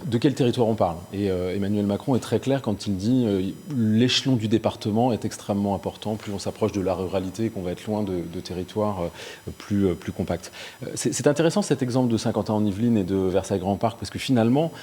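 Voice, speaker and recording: A man's voice: fairly low pitch, fast talker, warm tone. A local campaign representative making his case in a televised political debate with assured arguments. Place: local TV studio.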